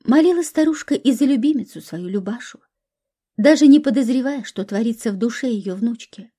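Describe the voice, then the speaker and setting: A woman narrating an audiobook in a calm, measured reading. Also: on the high side.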